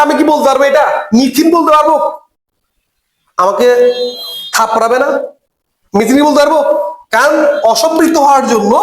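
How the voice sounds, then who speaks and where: Echoey Bengali chemistry lecture by a man. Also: very high-pitched. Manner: quizzes students with repeated questions; repeats key terms for emphasis. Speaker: chemistry teacher. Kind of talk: classroom lecture. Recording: echoey room.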